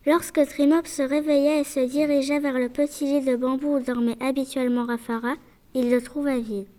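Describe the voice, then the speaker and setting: Expressive young woman reading a folk tale aloud, high voice. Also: brisk. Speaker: storyteller.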